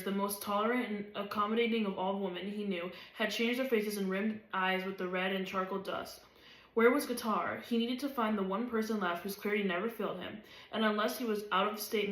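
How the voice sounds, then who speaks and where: A woman reading a novel aloud, steady and even. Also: medium pitch. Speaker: reader. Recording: roomy echo.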